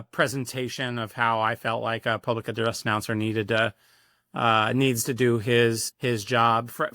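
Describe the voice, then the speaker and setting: A middle-aged American man from Sacramento, California, who works as a sports public address announcer, tells stories as a podcast guest. His medium-pitched, sharp voice is recorded with studio quality and no echo, and the casual, reflective interview is full of hesitant, conversational phrasing.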